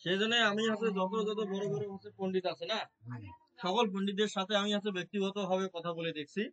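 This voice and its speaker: A man leads devotional prayers, chanting one word at a time in a loud, measured way. His voice sits high and has a bright, forceful edge. Between the chants he talks about scripture in a relaxed, conversational manner. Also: poor audio. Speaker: Gita devotee leading prayers. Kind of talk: chanted Sanskrit prayers and informal religious talk.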